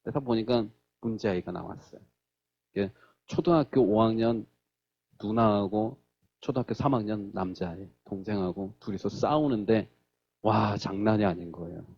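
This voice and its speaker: A man's voice: lowish voice, moderate pace, breathy edge, dull audio. A male pastor preaching a sermon in a church, telling stories and acting out the quotes. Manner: animated storytelling, acts out quotes.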